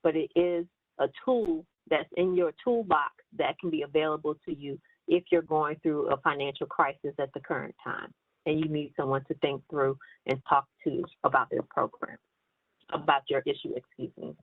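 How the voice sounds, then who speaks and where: A woman agency director presenting resources in a virtual meeting, steady and measured with frequent ums. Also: sits low, no room sound. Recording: tinny phone-line audio, dry.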